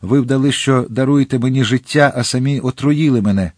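A man's voice: mid-range voice, fairly quick, darkish tone, no room sound, studio quality, pitched above the performer's own voice, lightly acted. A man voicing a dying soldier in an audiobook, anguished and accusing. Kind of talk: audiobook character reading.

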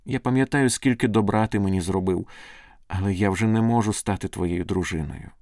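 A man voicing a young woman torn between two brothers, speaking softly and pleadingly in a storybook reading. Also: fairly low pitch, fairly quick, no room sound, studio quality, natural voice.

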